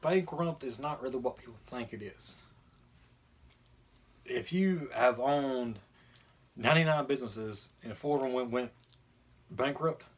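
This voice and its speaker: A man's voice: mid-range voice, a little slow, pauses often, a little hiss or hum. A man chatting casually and giving his opinions bluntly, with some mild swearing, as a video host. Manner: blunt, mildly profane.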